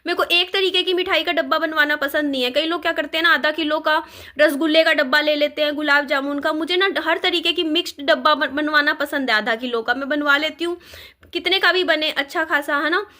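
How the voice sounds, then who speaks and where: A woman's voice: high voice, fairly even intonation, fairly quick, sharp tone. A woman, telling an indignant storytime vlog with many fillers. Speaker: vlogger.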